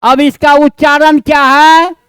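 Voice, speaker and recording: A male grammar teacher with a Bihari Hindi accent speaks in a very high-pitched, fairly bright voice, keeping a level tone and a measured pace with no echo. He teaches his class in a homely, colloquial way, scolding and coaxing, and keeps students engaged with questions and checks during the lesson.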